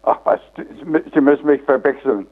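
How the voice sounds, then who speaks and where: A man's voice: fairly high pitch, fairly quick. An older man heard over a telephone line, confused and increasingly irritated, keeps asking who is calling and what is meant. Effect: heard over a phone line. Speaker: prank call target. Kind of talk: bewildered phone conversation. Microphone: telephone handset.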